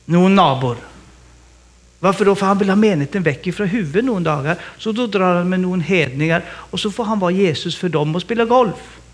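A man preaching as a guest in a lively sermon, animated and exclaiming, laughing often. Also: high voice.

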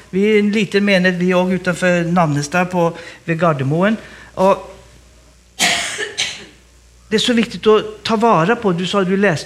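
High-voiced animated male preacher. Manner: animated, exclaiming, laughing often. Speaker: guest preacher. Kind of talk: lively sermon.

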